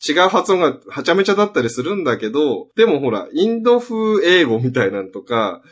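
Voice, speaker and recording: Co-host, male, husky, lively delivery, relaxed talk. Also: fairly high pitch, brisk. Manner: animated, storytelling, rising for emphasis. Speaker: podcast co-host. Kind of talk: casual chat.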